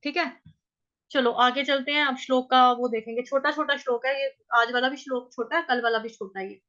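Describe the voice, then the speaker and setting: High, bright-voiced North Indian woman teacher. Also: fairly even intonation, muffled recording. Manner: drills each syllable slowly and repeats it several times. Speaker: Sanskrit recitation teacher. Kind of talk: chanting lesson, syllable by syllable.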